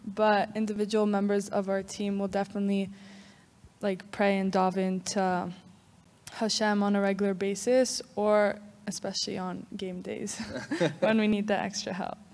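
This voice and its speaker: A teenage girl, a high school basketball player, giving brief, soft-spoken answers on a handheld mic in a large sanctuary. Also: little pitch movement, moderate pace. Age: teens. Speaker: student athlete. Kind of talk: interview answer. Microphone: handheld microphone. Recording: long hall reverb.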